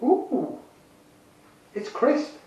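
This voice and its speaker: A man's voice: drawn-out words, a little mellow, distant mic. Chatty man in an echoey room. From Yorkshire, England. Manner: chatty, jokey, self-deprecating. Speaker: beer reviewer. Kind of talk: casual vlog review.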